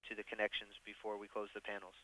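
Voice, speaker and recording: A man's voice: on the low side, completely flat delivery, fast, pushed and bright, dry recording, low-quality recording. A man working as a mission control communicator, making formal procedural calls in an astronaut radio exchange.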